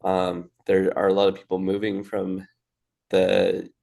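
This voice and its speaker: A young man teaching a language in a relaxed, casual way, with filler words and restarts. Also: low voice, a little slow, gravelly. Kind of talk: casual lesson.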